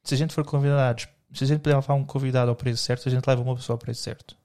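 A man's voice: medium pitch, steady tone, very fast, darkish tone. A young man with a European Portuguese accent, co-hosting a podcast in rambling, joking casual chat full of slang. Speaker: podcast co-host.

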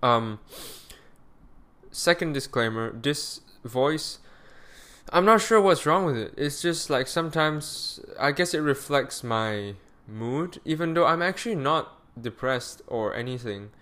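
A man's voice: medium pitch, expressive, measured pace, a bit bright. Weary-voiced man rambling on his podcast. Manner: rambling, self-correcting, with frequent fillers. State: tired, weary voice. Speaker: podcast host. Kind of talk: solo podcast monologue.

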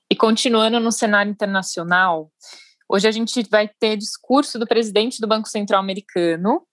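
Female news anchor, mid-pitched and brisk, dry close sound. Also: dry recording. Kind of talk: financial news presenting.

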